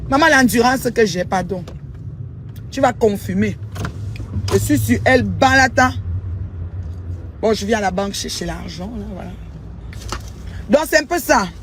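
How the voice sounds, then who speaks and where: A woman's voice: mid-range voice, expressive, unhurried, long pauses, fairly bright tone. A woman records a casual vlog monologue outdoors as a social media commentator. She talks emphatically and repeats her points over and over, calling her listeners "maman." Faint traffic noise sits in the background. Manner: emphatic, repetitive, keeps addressing listeners as "maman".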